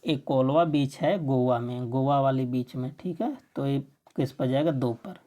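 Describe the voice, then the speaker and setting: Woman, coaching teacher, low voice, mellow tone, asks and answers own questions, quiz walkthrough. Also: normal speed. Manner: asks questions and answers them herself, often saying "theek hai"; corrects her own slips mid-sentence.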